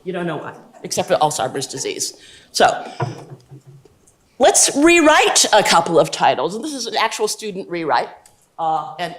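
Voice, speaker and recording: Woman, science communication lecturer; witty, theatrical delivery with quick asides; medium pitch; echoey lecture room. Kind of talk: humorous workshop talk.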